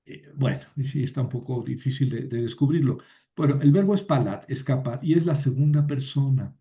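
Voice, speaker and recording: A man teaching a biblical Hebrew class, explaining slowly with many fillers and restarts. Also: medium pitch, highs cut off. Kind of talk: online class lecture.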